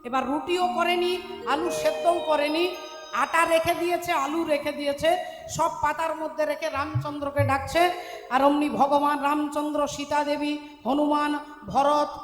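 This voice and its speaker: A woman kirtan singer telling a devotional story in a lively, dramatic storytelling manner. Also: high-pitched, moderate pace. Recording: echoey hall with music behind.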